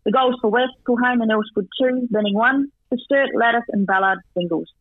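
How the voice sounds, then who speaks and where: A man giving a chatty football match recap and tips as a radio guest, rattling off stats with quick asides. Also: very high-pitched, no room sound. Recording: tinny dry phone line.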